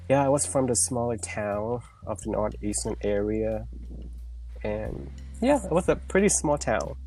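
A man's voice: fairly low pitch, animated, measured pace, a little mellow, soft background music, low-quality recording. A man from Thailand with a Thai accent, speaking English as a second language, chatting casually as a guest and searching for words as he goes. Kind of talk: casual chat.

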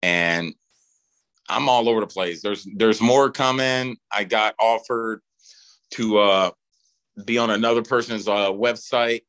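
A man's voice: lowish voice, a little slow, fairly bright tone, clear, resonant tone. A middle-aged man talking as a podcast guest in casual chat, rambling with lots of fillers and restarts. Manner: rambling, drawling talk with frequent fillers and restarts.

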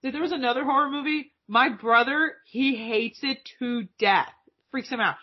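A woman in casual chat, telling animated stories and swearing freely. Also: high-pitched, moderate pace, husky. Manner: profane, animated storyteller. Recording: dull lo-fi audio.

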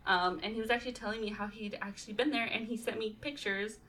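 A woman's voice: medium pitch, fairly even intonation, fast talker, bright, forceful tone, poor audio. A young woman hosting a casual podcast, chatting and rambling with lots of fillers and giggles. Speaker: podcast host.

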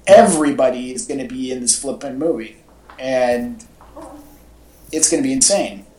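A man with a mellow, mid-range voice hosts a casual pop-culture podcast, talking at a moderate pace like an enthusiastic fan with plenty of slang. The home recording sounds echoey and roomy.

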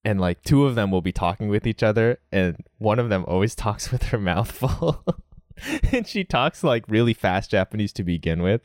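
A young man in a casual interview, talking about learning Japanese, relaxed, often laughing and saying "like". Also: on the low side, moderate pace, no echo, clean studio sound.

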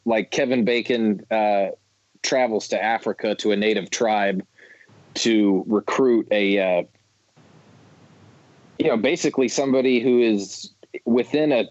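A man's voice: lowish voice, a little mellow, dry recording. Rambling man with a dull dry sound. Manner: rambling, many restarts and fillers. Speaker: podcast co-host. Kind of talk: casual chat.

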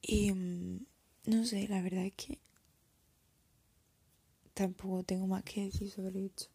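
Young woman in her twenties, mellow, husky whisper, hesitant confessional vlogger. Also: medium pitch, level tone, takes it slowly, no room sound. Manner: soft whisper, hesitant and reflective. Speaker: art student.

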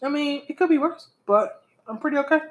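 A woman's voice: sits high, a little fast. A woman co-hosting a podcast from home, chatting casually and animatedly with an opinionated tone and a lot of "y'all". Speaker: podcast co-host.

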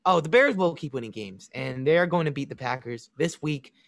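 A man's voice: on the high side, animated, normal speed, gravelly, dry recording, clean studio sound. A man with a Chicago accent co-hosting a casual sports podcast, confidently analyzing teams and making predictions. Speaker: podcast co-host.

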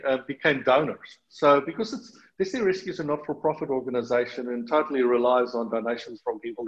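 A man's voice: medium pitch, highs cut off. A middle-aged man with a South African accent, a charity guest talking earnestly in an interview, with many fillers and restarts. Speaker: charity partnership manager, guest. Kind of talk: conversational interview.

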